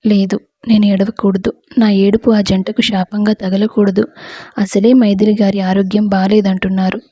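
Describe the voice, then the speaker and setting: A woman's voice: mid-range voice, little pitch movement, moderate pace, mellow, husky, no room sound, lo-fi sound, lightly acted. A woman voicing an earnest, stubborn young woman in love who speaks firmly, in a Telugu audio story. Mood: determined.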